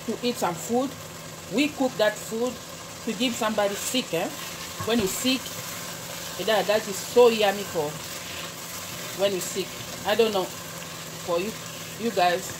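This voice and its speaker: Chatty woman cooking over loud sizzle. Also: mid-range voice, noisy background. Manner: chatty, talks to viewers as "guys", non-native English. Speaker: home cooking channel host. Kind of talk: casual cooking narration. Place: home kitchen at the stove. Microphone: camera pointed at the pot, speaker off-screen. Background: loud sizzling and frying.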